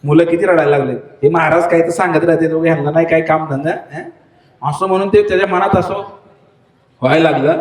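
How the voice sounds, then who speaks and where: A male preacher with a Marathi accent telling a story in a sermon, acting out the characters' voices and wails with lively energy. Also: fairly high pitch, fairly quick. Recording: echoey hall.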